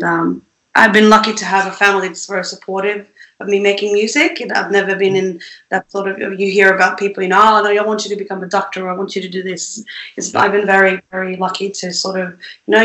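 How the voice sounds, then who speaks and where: A woman's voice: mid-range voice, fairly bright tone. Chatty Swedish-raised woman, echoey room. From Sweden. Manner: chatty, many fillers and restarts, laughs often. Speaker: independent musician, guest. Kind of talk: casual interview chat.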